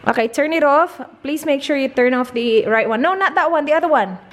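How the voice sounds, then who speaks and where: A woman, a mother, casually vlogging from her home kitchen, chatting to viewers with lively exclamations. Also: high voice, moderate pace. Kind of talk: casual home vlog, mixing Tagalog and English. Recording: echoey room, faint background hum.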